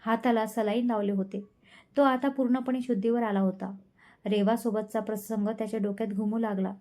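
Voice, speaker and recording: A woman storyteller narrates an emotional love story with dramatic feeling. Her voice sits a little high but sounds mellow and warm. The reading is scripted and paced for a storybook. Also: fairly even intonation, fairly quick.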